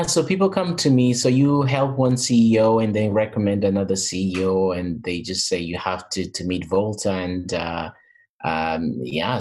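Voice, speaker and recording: A man whose native language is Portuguese, from Portugal and Africa and based in England, answers interview questions as a guest and mentor. His voice is very low-pitched and darkish, captured on a rough recording. He's hesitant, saying "uh" often, with many fillers and restarts.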